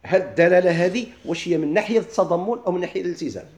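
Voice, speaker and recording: Fast-talking Moroccan man teaching. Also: sits high, darkish tone, roomy sound. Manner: quizzes listeners with quick questions, then answers himself. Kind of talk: classroom lesson explaining legal theory.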